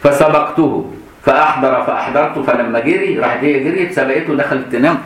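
A middle-aged religious teacher with an Egyptian Arabic accent talks through a hadith in a relaxed, conversational way, asking his listeners rhetorical questions. His voice sits in a middle pitch. The recording carries a noticeable room echo. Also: fast talker. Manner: colloquial explaining with rhetorical questions and laughter. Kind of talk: hadith commentary lesson. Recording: echoey room.

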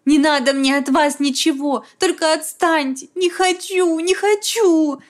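A woman's voice: sits high, pitched above the performer's own voice. A woman reading an audiobook, voicing a distraught young woman of twenty-eight who talks in an agitated, pleading rush. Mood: furious. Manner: agitated, pleading, fast hot whisper. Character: upset young woman, 28, shrill and furious. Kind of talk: audiobook character voice.

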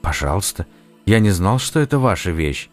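A man's voice: deep voice, big pitch swings, moderate pace, faint music behind. A man narrating an audiobook who voices an earnest young man of the sea, asking eager, wondering questions.

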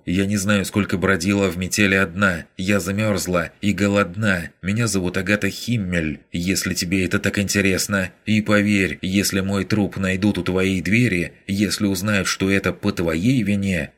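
A man voicing a furious stranded woman who shouts commands with a hoarse, shrieking edge. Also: deep voice, pitched above the performer's own voice. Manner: imperious, insulting, demanding. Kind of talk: audiobook character voice.

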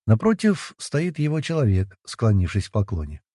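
A man reads an audiobook in a low, dark, husky voice. His delivery moves lively in pitch, and the recording is dry and close. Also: moderate pace, dry recording. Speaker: audiobook narrator. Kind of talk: audiobook narration.

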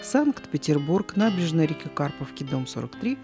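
A woman hosting a radio call-in show, taking callers and reading out letters in a brisk, friendly way. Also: low voice, very animated, music in the background. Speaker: radio host taking calls. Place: radio studio.

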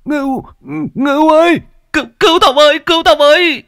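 A man voicing an older village man who yells in anger and screams for help. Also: very high voice, fairly quick, pitched above the performer's own voice. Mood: pleading scream. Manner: angry shouting, screaming for help. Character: older village man, quarrelsome then panicked.

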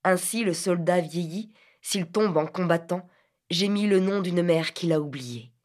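Woman audiobook narrator, lowish voice, measured literary reading. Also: darkish tone.

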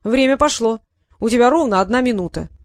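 A woman's voice: a little high, lively intonation, brisk, dry recording, clean studio sound, voice pushed up, close to an everyday voice. A woman voicing a boastful, pedantic male dragon who loves riddles, speaking in a raised, emphatic, pompous way.

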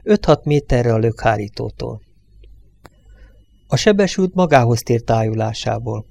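A man reading an audiobook in a calm, measured narrating voice. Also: mid-range voice, vocal fry.

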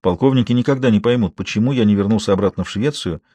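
A man voicing a weary, cautious middle-aged detective in an audiobook thriller, asking questions in a low, measured way. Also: warm tone, no room sound, close to an everyday voice. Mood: earnest, cautious.

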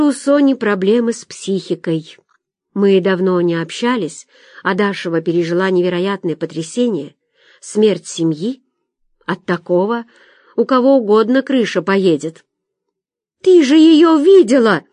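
A woman reading a first-person novel aloud as an audiobook narrator, expressive and lively. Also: medium pitch, moderate pace, dry recording.

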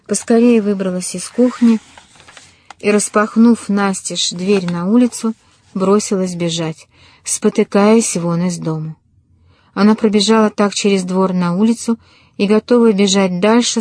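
A woman narrating an audiobook in a measured, dramatic storytelling manner. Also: medium pitch, darkish tone, no room sound.

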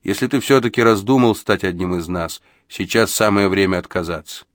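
A grave, deliberate old master , as a male reader plays him, weighing every word. His voice sits low and is recorded dry and close. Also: no echo, close to an everyday voice. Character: grave older male master of a secret-keeping trade. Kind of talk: audiobook character reading.

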